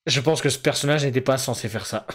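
A man's voice: mid-range voice, quick pace. A man streaming a video game, chatting and joking casually with viewers and swearing freely. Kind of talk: casual live game commentary.

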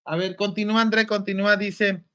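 A man's voice: sits high, flat delivery, brisk, bright, forceful tone, clean tone. A man hosting a casual gossip show, campy and exclamatory, reading viewer comments aloud. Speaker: show host.

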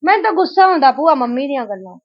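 A woman's voice: sits high, very animated, very fast, no room sound, highs cut off. A woman playing a sulky young niece who complains about her mother in a Punjabi family comedy skit. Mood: aggrieved. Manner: complaining, aggrieved.

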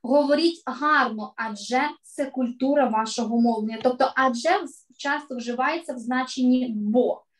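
Emphatic high-voiced woman teaching online. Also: normal speed, hardly any pauses. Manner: clear, emphatic teacher delivery, stresses key words. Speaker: voice coach teaching an online class. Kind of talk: online lesson to children.

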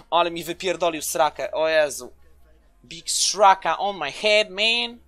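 A man in his twenties gives live gameplay commentary while streaming, loud and excitable, swearing and throwing in English phrases. His voice is a little high and his pace slow, recorded on a headset in a small room.

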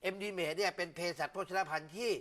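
A man's voice: high voice, fairly even intonation, fast, bright, forceful tone. A male host opening a legal call-in segment and promoting a product. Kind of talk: TV segment hosting with product plug.

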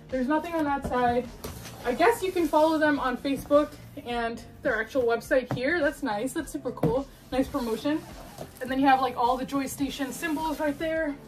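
A young collectibles vlogger chats casually through an unboxing, gushing and laughing and a little out of breath as she fights with the box. Her voice sits high, picked up by a distant mic.

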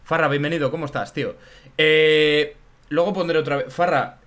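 A man giving chatty, excitable let's play commentary and greeting his chat. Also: on the high side, moderate pace. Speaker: gaming streamer.

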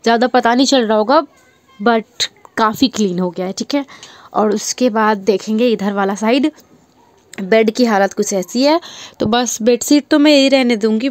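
A young woman with a fairly high voice chats casually in her vlog. She keeps talking straight to her viewers and calls them "guys". She drops English words in as she goes. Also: no room sound. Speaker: vlogger.

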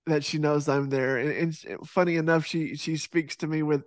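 Guest slot: a man in his thirties from Texas, slightly high-pitched, heartfelt, speaking over a headset mic in a dry room. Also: steady tone, normal speed, dry recording. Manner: earnest, heartfelt, with many restarts and fillers. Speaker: podcast guest, fitness instructor and author. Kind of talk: casual video-call interview. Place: home room with poster behind. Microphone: headset mic on boom arm over video call.

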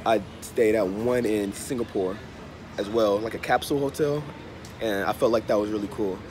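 Stuffy-nosed man vlogging over clear background noise. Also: fairly low pitch, a little mellow. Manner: unhurried, halting, often repeating phrases. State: under the weather with a cold. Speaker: travel and language vlogger. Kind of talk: casual chat to camera. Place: open-fronted hostel bar or cafe. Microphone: phone held at arm's length. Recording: noisy open-air cafe with traffic. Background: street and vehicle ambience.

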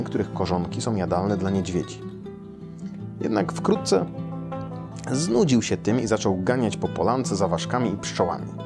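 A lower-voiced man in his 30s to 40s, a storyteller and translator, reads his own translation of a children's story aloud. He is seated in an armchair in a small, quiet indoor room.

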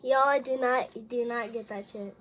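A woman's voice: on the high side, fairly even intonation, unhurried, heavy background noise. A young female chatting casually at home, recorded on a phone camera. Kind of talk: casual chat. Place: room at home.

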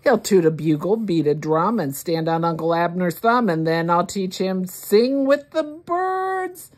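A woman with a fairly low-pitched voice hosts story time, reading a children's picture book aloud to young children in an expressive, deliberate way.

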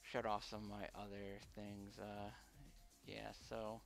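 A man livestreaming casually and haltingly, his voice muffled by a face mask. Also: on the low side, monotone, creaky, faint music behind. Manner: halting, hesitant, unpolished first-time streamer. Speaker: live streamer. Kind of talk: casual unscripted livestream chat.

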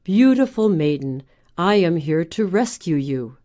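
A brave, gallant young knight from a children's storybook, voiced by a woman narrator. He declaims his lines slowly and earnestly. A little lifted above her plain telling voice. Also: on the low side, sing-song, warm tone. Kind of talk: storybook character voice.

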